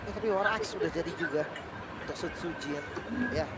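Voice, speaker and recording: A man's voice: a little high, a little fast. A man with an Indonesian accent giving conversational, analytical colour commentary on a live esports match. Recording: loud crowd and arena noise behind. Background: loud crowd and event noise.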